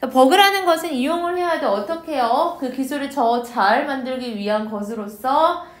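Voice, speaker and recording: A woman's voice: high-pitched, normal speed, reverberant. A woman teaching an exam-prep English class in casual speech, asking questions and answering them herself. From South Korea.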